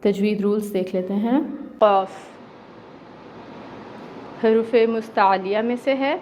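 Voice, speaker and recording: A woman's voice: medium pitch, a little mellow, a little hiss or hum. Pakistani woman teaching Quran recitation. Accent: Pakistani Urdu. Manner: explains step by step, checks with "theek hai"; slow drawn-out recitation of verses.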